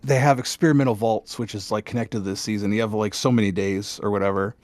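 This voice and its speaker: A middle-aged man co-hosting a casual gaming podcast, animated, laughing often and restarting his sentences. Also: lowish voice, quick pace, no room sound. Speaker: podcast co-host.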